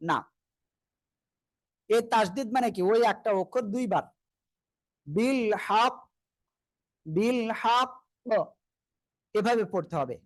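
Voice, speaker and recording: A man leads an online Quran recitation class, patiently drilling pronunciation and calling on everyone to repeat together. His voice sits high, and the sound is close and dry with no room around it. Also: dry recording. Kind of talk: online group class teaching.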